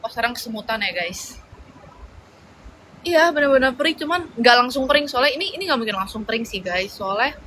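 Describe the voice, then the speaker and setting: A young woman in a casual livestream chat, rambling along with slangy fillers as she answers viewer comments. Her voice sits a little high and sounds bright and forceful. A faint hum of noise runs behind her phone mic. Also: animated, a little fast, low-quality recording.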